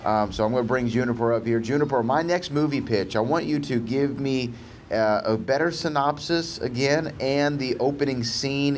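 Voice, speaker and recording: A man hosting a podcast, chatting casually and pitching movie ideas, heard over a low-quality audio stream from a balcony outdoors. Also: darkish tone. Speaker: podcast host. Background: faint outdoor noise.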